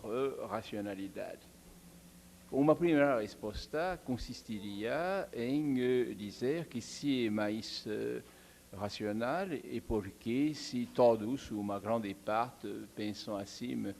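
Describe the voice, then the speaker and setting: Man, audience member, academic question, slow and hesitant, faint hum behind. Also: mid-range voice, darkish tone. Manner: slow, deliberate, with frequent hesitations. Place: seminar hall.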